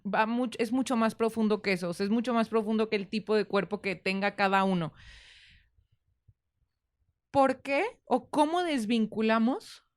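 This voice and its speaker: A podcast host with a Mexican Spanish accent conducts a conversational interview, talking informally and reflectively as she works her way toward her questions. Her voice is medium in pitch, and there's no room sound on the recording.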